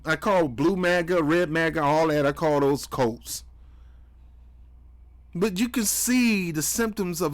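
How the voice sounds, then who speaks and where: Scornful man ranting in commentary. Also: on the high side. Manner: scornful, preachy, mocking. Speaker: commentary host reacting to clips. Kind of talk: heated political commentary.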